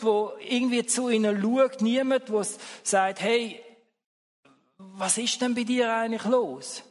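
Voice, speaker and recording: High-voiced Swiss German preacher. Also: male voice. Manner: conversational, repeats phrases for emphasis. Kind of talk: sermon. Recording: long church-hall reverb.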